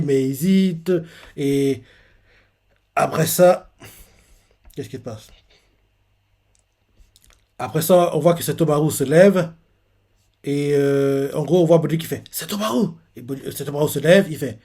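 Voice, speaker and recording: A young man recapping and reacting live to a manga chapter, lively and laughing, with many hesitations as he narrates scenes. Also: fairly high pitch.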